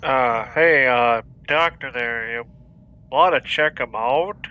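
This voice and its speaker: A man's voice: medium pitch, slow pace, smooth, highs cut off. A man playing a tabletop game, speaking in a matter-of-fact way. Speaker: player.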